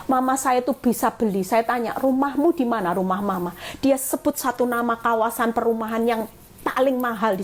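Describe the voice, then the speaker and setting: High-voiced woman evangelist preaching fervently. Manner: fervent preaching, often addressing listeners as "saudara"; personal testimony, repeating phrases for emphasis. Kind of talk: sermon on Instagram live.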